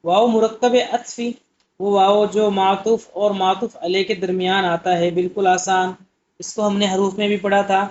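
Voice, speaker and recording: A man's voice: high-pitched, little pitch movement, moderate pace, darkish tone, slight background noise. A man teaching an Urdu exam-prep lesson, explaining patiently and asking questions that he answers himself. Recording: muffled lo-fi audio.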